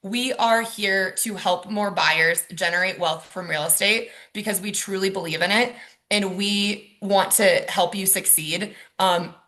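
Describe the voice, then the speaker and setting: Bright-voiced woman giving a chatty webinar. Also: medium pitch, steady tone, unhurried. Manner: casual, chatty delivery with frequent ums and likes. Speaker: mortgage lender and house hacker presenting a webinar. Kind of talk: webinar presentation over slides.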